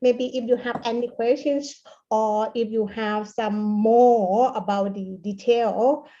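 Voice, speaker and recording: Slow, halting woman with a Thai accent. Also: a little high, fairly even intonation, warm tone. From Thailand. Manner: halting, hesitant delivery with repeated words. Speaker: keynote speaker, university lecturer. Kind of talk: conference presentation. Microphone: online conference call. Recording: dull, lo-fi online call audio.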